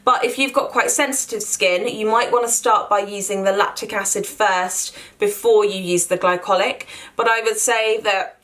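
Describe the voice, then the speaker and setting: A young woman in her twenties chats through a skincare review at an easy, casual pace. Her voice sits in a middle pitch for a woman, and she leans on repeated words and little fillers as she talks. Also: steady tone, normal speed, hardly any pauses, fairly bright tone. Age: 20s. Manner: chatty, repeats words for emphasis, many fillers. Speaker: beauty vlogger.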